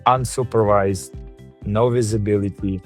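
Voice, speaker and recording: A man from Lithuania speaks as a panelist in a low voice, earnest and halting, with frequent restarts. Faint music plays behind him. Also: fairly even intonation. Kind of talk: panel discussion.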